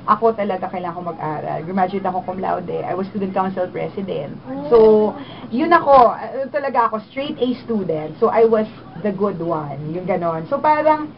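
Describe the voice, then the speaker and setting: Her mid-range voice moves at normal speed with few pauses. A radio DJ in her twenties with a Filipino accent, she animatedly recounts her story in an interview, mixing Tagalog and English, and the lo-fi recording sounds dull with noticeable noise.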